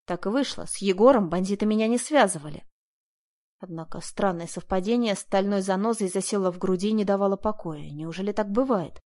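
Woman narrator, first-person audiobook, tense and earnest, mid-pitched voice. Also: brisk, a little mellow.

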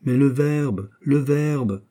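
A man's voice: medium pitch, slow, mellow, voice pushed up, lightly acted. A man voicing a stubborn, pedantic writer in an audiobook who insists on the details. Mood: insistent. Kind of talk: audiobook character voice.

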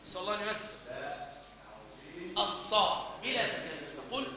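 A teacher of the call to prayer and Quran recitation gives a lesson on pronouncing the adhan, chanting and repeating syllables. His high voice is animated and brisk, and the echoey hall carries crowd noise behind him.

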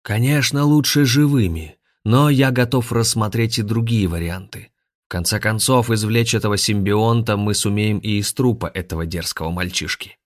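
A man's voice: lowish voice, normal speed, natural voice. A man voicing a scheming villainous male grandmaster who leads a cult, venomous and commanding.

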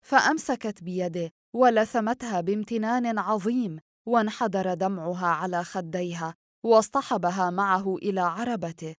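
A woman reading a novel aloud as an audiobook narrator, with steady storytelling. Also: mid-range voice, normal speed, dry recording, clean studio sound. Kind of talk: scripted narration.

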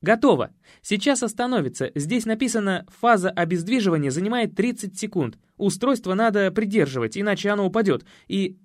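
A man voicing a fussy, apologetic male secretary in an audiobook, talking quickly and anxiously. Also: high voice, lively intonation, dry recording, studio quality, voice pushed up. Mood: flustered. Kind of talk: audiobook character voice.

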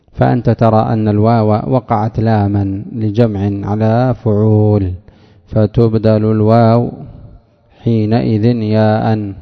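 A man teaching Arabic word morphology in a lecture, who asks his class questions, answers them himself and drags out example words slowly. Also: on the low side. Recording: dull lo-fi recording with long hall reverb.

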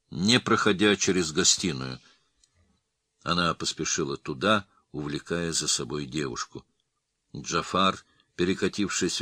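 A man narrating an audiobook with tense, measured dramatic storytelling. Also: low-pitched, bright, forceful tone, no room sound, clean studio sound.

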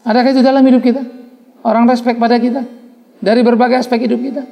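A man preaching a sermon as a pastor, emphatic, with repeated refrains and sudden leaps in pitch. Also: level tone, rapid-fire, mellow, in a large hall.

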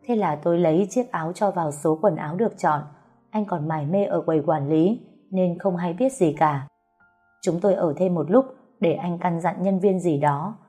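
A woman reading a first-person story aloud, softly, voicing the dialogue now and then. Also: fairly low pitch, slightly rough. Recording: faint music behind.

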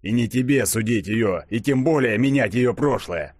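A man voicing a seasoned, stern male chief who speaks in a gruff, measured, growling way. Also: medium pitch, expressive, darkish tone, dry recording, studio quality, pitched above the performer's own voice, lightly acted.

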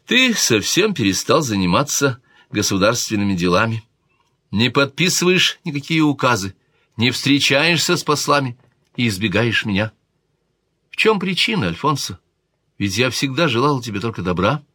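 A man's voice: mid-range voice, big pitch swings, normal speed, sharp tone, husky, dry recording, studio quality, exaggerated voice. A man voicing a worried young princess who pleads with her brother in an audiobook reading. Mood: reproachful. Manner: pleading, persuasive.

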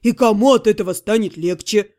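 A woman voicing a good-natured male half-gnome friend who scolds gently and coaxingly, in an audiobook. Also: medium pitch, a little fast, voice pushed down, lightly acted. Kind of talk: audiobook character voice.

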